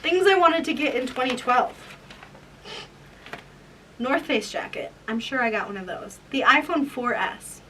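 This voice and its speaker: A woman in her twenties with a high voice talks in a casual vlog style. She sounds embarrassed and self-mocking as she reads aloud from her old writing. The mic is a little distant, with some faint noise around her. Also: unhurried, long pauses, pushed and bright. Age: 20s. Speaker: vlogger. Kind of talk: casual vlog chat, reading old diaries.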